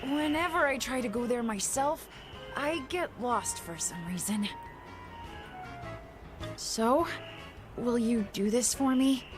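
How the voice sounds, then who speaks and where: A man's voice: extremely high pitch, slow pace, long pauses, music in the background. An actor playing a courteous, mysterious young male magician in a game dub. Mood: polite. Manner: courteous, calm and formal. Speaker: game character.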